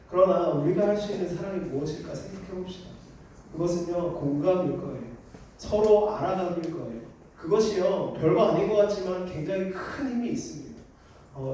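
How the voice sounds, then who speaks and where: A man's voice: high-pitched, dark tone. A man in his thirties, a pastor telling a personal story in a sermon and speaking earnestly and directly to his congregation. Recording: echoey hall, distant mic, faint noise.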